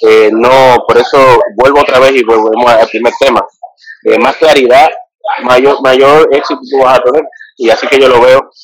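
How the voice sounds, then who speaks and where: A man's voice: mid-range voice, steady tone, moderate pace, crowd noise, low-quality recording. Dominican man, cigar-trade guest, earnest conversational delivery, frequent fillers and restarts. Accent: Dominican Spanish. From Dominican Republic. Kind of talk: podcast conversation.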